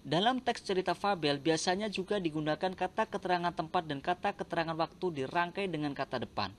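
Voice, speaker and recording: A man reads out a grammar lesson, working through points one by one. His voice sits a little high, and he keeps a slow, even, list-like delivery. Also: a little hiss or hum. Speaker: teacher. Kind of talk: reading a grammar lesson aloud.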